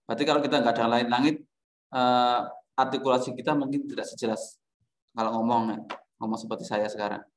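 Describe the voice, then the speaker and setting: A male teacher giving a music lesson, joking and teasing his students between explanations. His voice sits at an ordinary pitch, and it rings around a bare, echoey classroom. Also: steady tone, quick pace.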